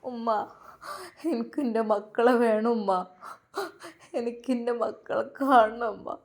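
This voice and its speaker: Give me a woman as a heartbroken young mother, weeping and pleading, higher than usual, in a storybook tale. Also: level tone, measured pace. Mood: tearful pleading. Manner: tearful, pleading. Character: grief-stricken young mother sobbing for her children.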